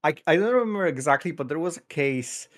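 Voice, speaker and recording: A man on a gaming podcast panel, talking haltingly with many hesitant restarts. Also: fairly high pitch, lively intonation. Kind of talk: casual chat.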